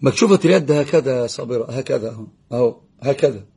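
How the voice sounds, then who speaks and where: A man giving a live religious Q&A lesson, answering viewer questions quickly and greeting and blessing viewers by name. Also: mid-range voice, warm tone, husky. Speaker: religious teacher.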